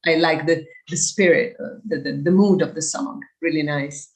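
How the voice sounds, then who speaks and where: A woman's voice: low-pitched, fairly even intonation, moderate pace. A woman reviewing casually on a podcast panel, hesitant and searching for her words. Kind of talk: casual, halting spoken review.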